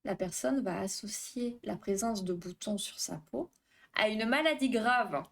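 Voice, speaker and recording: On her live stream, a female therapist chats loosely with viewers, reads the chat out loud, and speaks quickly, stumbling over words. Her voice sits at a medium pitch with a creaky quality.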